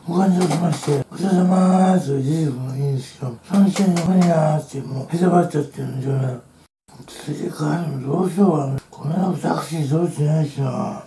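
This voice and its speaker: A man's voice: mid-range voice, mellow. A man telling rambling, chatty stories while eating on his vlog, speaking casually at home. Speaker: eating-show vlogger. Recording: roomy room with faint background noise.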